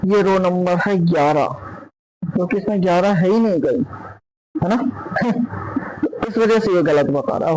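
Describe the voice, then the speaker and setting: A man's voice: high-pitched, darkish tone, slight background noise, poor audio. A man explaining a spreadsheet formula step by step, often putting questions to the viewer. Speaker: Excel tutor. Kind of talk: screen-recorded software tutorial.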